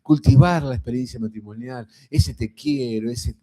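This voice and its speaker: A man's voice: mid-range voice, moderate pace, dark tone. A middle-aged man with a Rioplatense Spanish accent preaching a sermon in a folksy, conversational way, often tossing in a rhetorical "¿no?".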